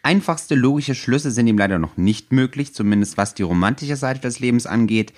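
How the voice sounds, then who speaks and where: A man's voice: medium pitch, animated, a little fast, a little mellow. A man co-hosting a casual podcast about a book, making ironic jokes. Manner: ironic, joking. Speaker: podcast co-host.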